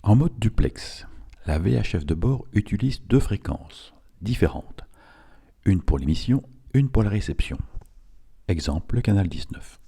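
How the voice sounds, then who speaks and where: A man's voice: on the low side, expressive, measured pace, vocal fry, warm tone, breathy edge. A man reading a scripted instructional narration in a didactic, step-by-step way, as an instructor would.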